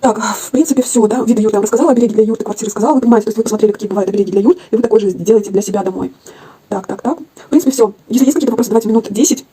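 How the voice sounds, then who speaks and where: A woman giving an informal online lecture in a quiet voice with a slushy lisp, thinking aloud and correcting herself as she explains. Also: medium pitch, very fast. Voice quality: slushy lisp from a broken tooth; quiet, husky voice.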